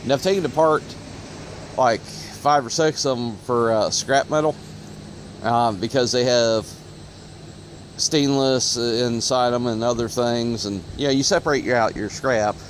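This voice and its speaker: A man's voice: mid-range voice, a little hiss or hum. A man from Ohio, talking casually to his phone camera outdoors, rambling with many fillers and corrections. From Ohio, USA. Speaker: auto parts video host. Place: outdoors in sunlight. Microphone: phone recording.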